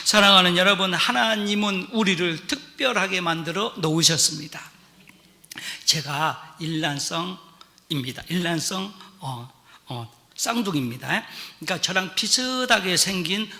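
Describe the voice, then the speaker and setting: Man, pastor, sermon, earnest storytelling, high pitch, reverberant church hall. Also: bright, forceful tone. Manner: earnest preaching with personal stories and scripture reading. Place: church sanctuary.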